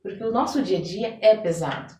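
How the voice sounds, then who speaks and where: Speaking fairly quickly with lively intonation, a woman with a warm, medium-pitched voice and a Brazilian Portuguese accent describes her practice. She is a holistic therapist and folk blesser guesting on an interview, reflective in tone and often looking for agreement. An echoey room, a distant microphone and faint background noise mark the audio.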